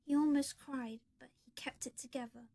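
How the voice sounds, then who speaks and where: High-voiced woman telling a fan story. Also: fairly even intonation, normal speed, warm tone. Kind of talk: first-person fan story narration.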